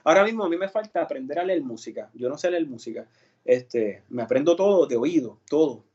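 A man's voice: a little high, lively intonation, fairly quick, a little mellow, husky, highs cut off. A Puerto Rican man, an actor and singer, telling his story in a casual interview with many fillers and restarts. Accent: Puerto Rican Spanish. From Puerto Rico.

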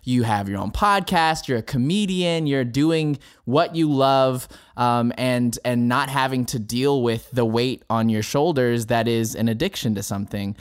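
A man's voice: mid-range voice, measured pace, hardly any pauses, smooth, no room sound, studio quality. A man hosting a podcast, asking long, earnest, winding questions. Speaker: podcast host. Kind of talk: casual interview talk.

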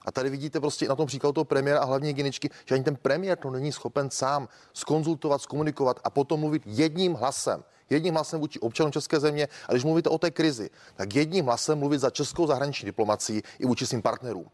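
A man's voice: mid-range voice, few pauses, a little mellow. A man, an opposition politician in a debate, speaking insistently and critically.

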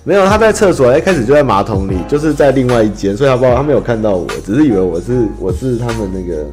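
A man's voice: mid-range voice, animated, racing, darkish tone, soft background music. A man with a Taiwanese Mandarin accent hosts a casual podcast, answering listener letters as a rambling, self-mocking storyteller. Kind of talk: casual chat.

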